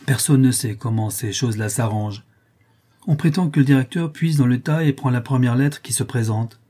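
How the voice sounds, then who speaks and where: A man calmly narrating a classic story as an audiobook reader, with measured storytelling. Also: mid-range voice, breathy edge.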